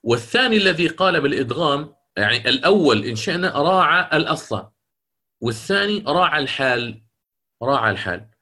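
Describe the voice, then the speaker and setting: A man teaching the rules of Quranic recitation in a lecture, explaining patiently, repeating key phrases and chanting verse examples slowly. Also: on the high side, very animated, bright, forceful tone.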